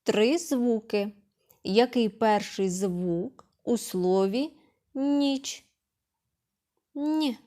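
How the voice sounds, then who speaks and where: With a warm voice on the high side, a woman teaches preschoolers to read in a remote kindergarten lesson. She patiently poses questions and answers them herself, breaking words down one syllable at a time.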